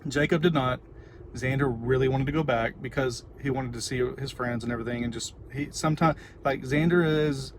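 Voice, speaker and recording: A middle-aged man with a Texan accent, chatting casually and informally in a rambling livestream to viewers from inside a car. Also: medium pitch. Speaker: vlogger and parent. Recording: noisy car with ambient background noise.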